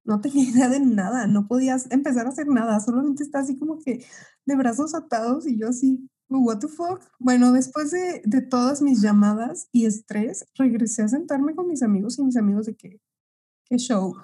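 A young woman with a Mexican accent telling a story in casual chat, animated and quick to laugh. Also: high voice, breathy edge. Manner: animated, acts out quoted voices, laughs often. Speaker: guest.

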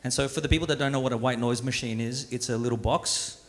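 A young man from the Philippines, brought up in Australia, performs stand-up at a live venue with an audience listening. His medium-pitched voice stays steady and fast through the stage mic while he mocks himself casually, stumbling and restarting as he goes.

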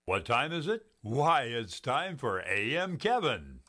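A man reads a showy announcer introduction, his voice rising and falling with a lot of life. A clear music bed plays under him the whole time. The delivery is booming and theatrical. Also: very animated, unhurried, bright, forceful tone.

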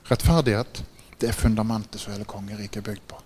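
A man with a lowish voice delivers a sermon, full of stories and little laughs. He keeps turning to his listeners with "right?" and rises in volume when the tale heats up. A faint hum of room ambience stays behind him. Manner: laughs often while telling stories; gets louder and higher in excited passages. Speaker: preacher. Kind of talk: sermon with animated storytelling.

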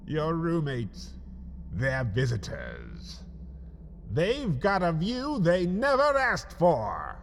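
A man with a high-sitting voice hosts and narrates a scripted comedic horror podcast, delivering it theatrically and mock-ominously with dramatic pauses.

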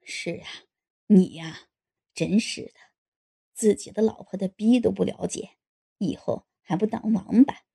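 A woman's voice: unhurried, long pauses. A woman voicing a sly, lecherous man in his late sixties in an audiobook, coaxing and insinuating. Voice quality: low gravelly voice. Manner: coaxing, insinuating, sometimes hushed. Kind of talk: audiobook character voice.

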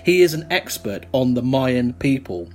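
A man's voice: mid-range voice, big pitch swings, normal speed, darkish tone, faint music behind. A man narrating a choose-your-own-adventure gamebook as host, with jokey asides. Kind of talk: reading a gamebook aloud with asides.

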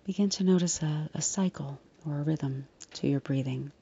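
In a low, soft, breathy voice that often drops to a near whisper, a woman guides a meditation. She sounds soothing, unhurried and gently reassuring, though the recording is muffled.

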